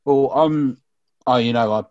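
Relaxed man on dry lo-fi audio. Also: mid-range voice, a little slow, no room sound. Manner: relaxed, swears casually. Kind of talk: casual chat.

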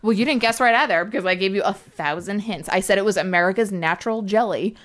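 A woman's voice: medium pitch, fast talker, background noise. A young woman co-hosting a casual podcast, teasing her friends and laughing often. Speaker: podcast co-host. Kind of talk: casual chat.

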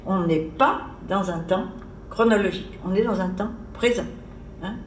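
In a seminar room, a woman gives an informal academic talk, wandering off on tangents as if thinking aloud. Her voice is medium-pitched and moderately paced, with a faint hiss or hum. The room is echoey and the mic sits far away.

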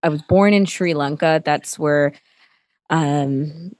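A woman's voice: deep voice, takes it slowly, a little mellow, dry recording. A chatty woman in her twenties, guest on a casual radio talk show, who laughs easily. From Canada. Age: 20s. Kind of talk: casual interview chat.

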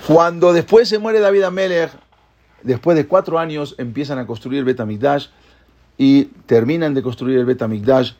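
A man teaching a Torah class, retelling the story in a lively way and acting out the characters' voices. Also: fairly high pitch, moderate pace. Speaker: religious teacher.

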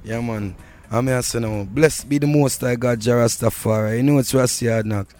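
A man's voice: mid-range voice, fairly even intonation, moderate pace, a little mellow. A man with a Jamaican accent talking casually in an interview, in Rasta speech full of patois and devotional phrases. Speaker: reggae artist being interviewed. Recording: music playing behind the voice. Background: music.

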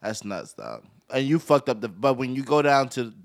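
A man's voice: medium pitch, huge pitch swings, moderate pace, vocal fry. A man co-hosting a podcast, talking in slangy, emphatic casual chat and often talking over the others. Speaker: podcast co-host.

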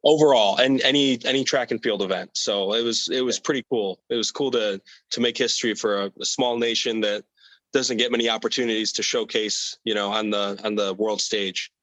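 A young man with a lowish voice that sits close and dry on the mic, without room sound. He answers in an easygoing, casual way and often restarts words and adds fillers. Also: fairly quick, no room sound, rough recording. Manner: relaxed, with frequent fillers and repeated words. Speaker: athlete guest.

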